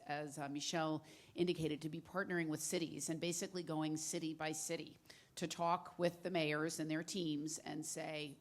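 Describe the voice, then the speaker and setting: A woman moderating a panel discussion, speaking conversationally with frequent fillers. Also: deep voice.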